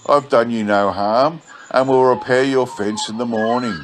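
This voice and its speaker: A man's voice: mid-range voice, steady tone, normal speed, close to an everyday voice. A man voicing a crafty cattle drover from a storybook yarn, with an outback drawl. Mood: pleading. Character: crafty male cattle drover feigning humble sincerity. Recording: clear background noise.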